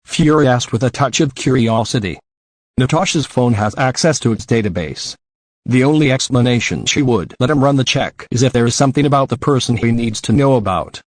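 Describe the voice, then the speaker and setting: A man narrating a fan fiction story in a steady, plain reading style. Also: medium pitch, brisk, no echo.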